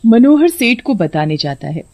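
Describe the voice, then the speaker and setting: Brief: female storyteller, relaxed mellow narration. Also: a little high, normal speed.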